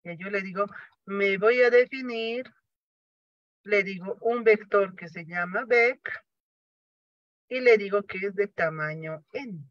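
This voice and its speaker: High-voiced man teaching programming, step by step. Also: slow, pauses often, a bit bright, dry recording. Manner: explains step by step, asks and answers his own questions. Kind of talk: classroom lecture. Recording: dry, dull lo-fi sound.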